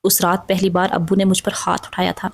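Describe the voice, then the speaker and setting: A woman's voice: lowish voice, monotone, no room sound. A woman telling an emotional first-person story in a dramatic, sorrowful way. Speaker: narrator.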